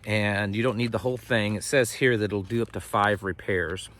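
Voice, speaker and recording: A middle-aged American man hosts a homesteading and prepping vlog outdoors on his homestead, with ducks close by. His voice is fairly low, fairly bright and fairly even in pitch, at a normal speed. He chats folksily and casually to the camera, rambling and letting thoughts trail off unfinished.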